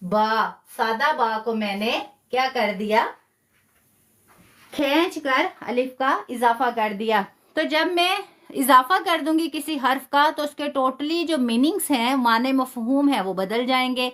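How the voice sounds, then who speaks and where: A woman teaching a live online Quran recitation lesson, patiently spelling out sounds slowly and praising her students. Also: sits high, fairly bright tone.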